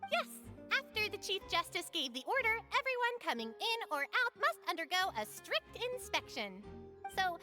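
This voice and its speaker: A small earnest creature guard. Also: female voice, very high voice, very animated, normal speed, sharp tone, faint music behind, exaggerated voice. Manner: earnest, chatty. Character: small female Melusine guard, dutiful and earnest. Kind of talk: game voice acting.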